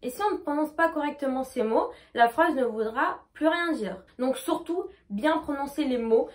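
Femme à la voix aiguë, leçon d'anglais. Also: female voice, high voice. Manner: slow, over-articulated demonstrations of English words. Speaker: English teacher. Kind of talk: pronunciation lesson.

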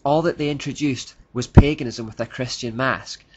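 A man's voice: medium pitch, moderate pace, lo-fi sound, very noisy. A man giving scripted narration in a critical tone, reading out quotes.

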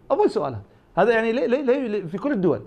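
His voice is very high and a little mellow, swinging widely in pitch as he talks very fast. He is from Iraq, speaks with an Iraqi Arabic accent, and, as an academic interviewee, builds his argument out of invented dialogues.

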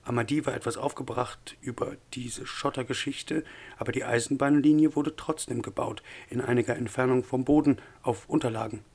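Husky guy reading an audiobook, steady and measured, mid pitch. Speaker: audiobook reader. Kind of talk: scripted audiobook narration.

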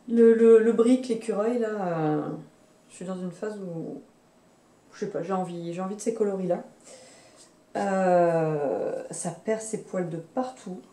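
Thirtysomething woman going over her fabric haul, hesitant with lots of ums, mellow tone, echoey room, sits back from the mic. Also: lowish voice, recorded from a distance. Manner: hesitant, many fillers and restarts. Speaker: sewing vlogger. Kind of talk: casual chat showing fabric purchases. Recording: roomy sound, away from the mic.

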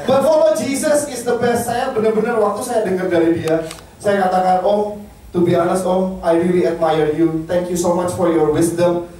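High-voiced preacher in an echoey hall. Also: male voice, normal speed. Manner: animated, asks the congregation questions and leads group reading. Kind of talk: sermon mixing Indonesian and English. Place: church hall. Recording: echoey hall, mic at a distance.

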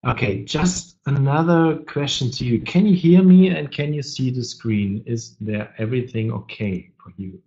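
A man with a cold leads a trading webinar in English, which is not his first language, and he often halts to search for words. His voice sits in a middle pitch. The audio sounds dull and lo-fi, like webinar software. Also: normal speed, few pauses. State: has a cold. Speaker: webinar presenter.

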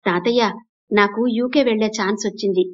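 A caring young woman speaks gently and attentively to her grandparents, as a woman narrator puts her on. It is a storybook reading, recorded dull and lo-fi. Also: medium pitch, brisk, lightly acted. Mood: cheerful.

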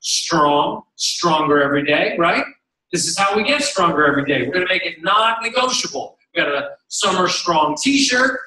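A middle-aged man gives an emphatic motivational speech from a stage, hammering home a slogan. His voice is high and bright and carries some force. It is heard from a distance in a large, echoey hall. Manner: emphatic, repeats a slogan, tells stories with quoted voices. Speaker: company executive addressing coaches.

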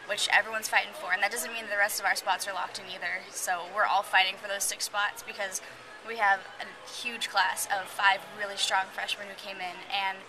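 A woman's voice: medium pitch, little pitch movement, brisk, poor audio. A young woman in her early twenties, a senior college gymnast, answering interview questions in an eager, upbeat way inside a large gym, filmed close to the camera. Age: early 20s. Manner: upbeat, eager, repeats "really". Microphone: camera close to face. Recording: gym chatter in background.

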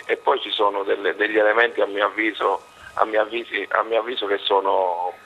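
A man calling a football phone-in with his voice giving out, hoarse, halting and repeating himself as he gives his opinions. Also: on the low side, little pitch movement, slight background noise. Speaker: phone-in caller, football fan. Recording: muffled, band-limited phone line.

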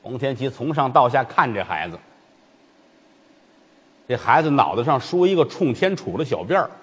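A man telling a comic traditional story, lively and chuckling in asides to listeners. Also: mid-range voice, normal speed, husky, long reverb tail.

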